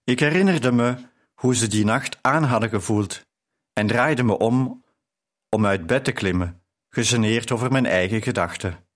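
Male audiobook narrator, measured and even reading of a novel. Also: mid-range voice. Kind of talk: scripted narration.

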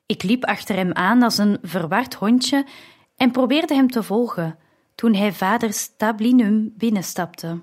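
Een vrouw die een verhaal in de ik-vorm voorleest als luisterboek, afgemeten en gelijkmatig. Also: female voice, mid-range voice. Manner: slow, measured reading. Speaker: audiobook narrator. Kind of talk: scripted narration.

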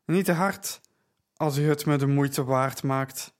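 A man voicing an arrogant male soldier with a hoarse, strangled rasp, speaking curtly and with menace in an audiobook. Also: mid-range voice, slow pace, natural voice. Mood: menacing. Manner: curt and menacing.

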